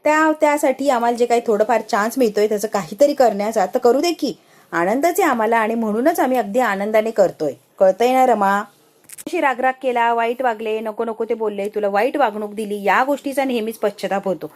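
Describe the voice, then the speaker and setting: A woman's voice: fairly high pitch, brisk, darkish tone, natural voice. A woman doing a remorseful, earnest elder woman. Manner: earnest, insistent. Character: remorseful middle-aged woman, emotional elder relative.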